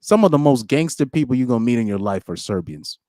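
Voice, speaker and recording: A man's voice: mid-range voice, big pitch swings, fast, dark tone, no echo, clean studio sound. A young man hosting a live-streamed podcast in casual chat, reading out comments and rambling with slang and frequent restarts.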